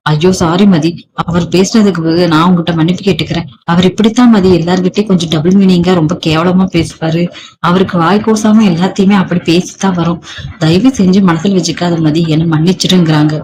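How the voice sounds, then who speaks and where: A storyteller reading the lines of a gentle middle-aged wife who talks softly, apologizing and pleading. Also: medium pitch, fairly even intonation, a little fast, slight background noise, natural voice, poor audio. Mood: apologetic.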